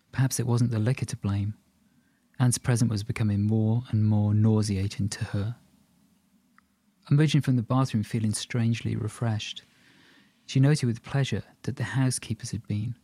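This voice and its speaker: A man narrating an audiobook in a calm, even storytelling manner. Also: mid-range voice, no room sound. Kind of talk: scripted narration.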